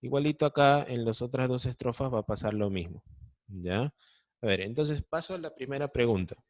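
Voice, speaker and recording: Teaching online through a video call, a man with a Peruvian Spanish accent patiently breaks things down step by step and keeps checking that students understand. His medium-pitched voice is brisk with a darkish tone, recorded dry.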